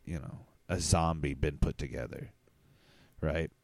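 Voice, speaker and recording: A man hosting a casual comedic chat, telling rambling deadpan tall tales with lots of fillers. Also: extremely low pitch, measured pace, no room sound.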